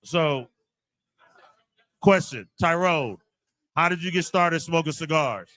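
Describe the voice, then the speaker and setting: Bright-voiced man hosting a casual chat. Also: a little high, no room sound. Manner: relaxed banter, running through picks with quick questions. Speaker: podcast host.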